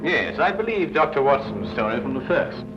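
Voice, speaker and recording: An actor playing a brisk, witty Victorian detective who lays out deductions in a cool, teasing, precise way. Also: male voice, mid-range voice, very animated, natural voice. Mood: calm. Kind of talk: 1950s TV drama acting. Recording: dull 1950s TV soundtrack with music.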